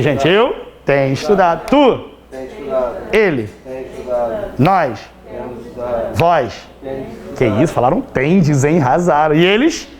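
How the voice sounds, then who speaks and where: A man with a Brazilian Portuguese accent teaching grammar in a live class, chatty and teasing, constantly checking whether students understood, his voice slightly hoarse. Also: a little high.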